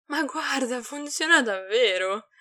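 A dazed, drunk teenage boy wizard, as a woman reader puts him on, slurring and rambling into a phone in a storybook reading. His voice sits fairly high and is delivered loudly. The sound is dry and close. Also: animated, takes it slowly, no echo, exaggerated voice.

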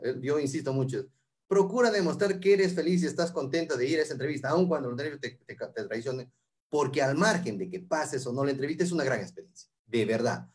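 A man explaining English interview phrases, repeating each one slowly and clearly. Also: mid-range voice. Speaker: English teacher guest.

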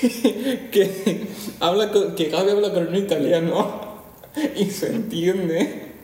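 Young guy from spain co-hosting a podcast, higher voice, keeps laughing and stammering, roomy echo. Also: slow, darkish tone. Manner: laughs often, stammers and repeats himself. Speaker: podcast co-host. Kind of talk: casual chat. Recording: echoey room, faint background hiss.

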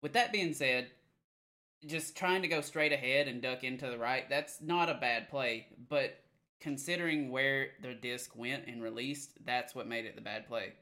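Bright-voiced man, hesitant. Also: medium pitch, moderate pace. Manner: hesitant, trailing off, fillers. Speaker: podcast co-host. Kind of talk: casual sports chat.

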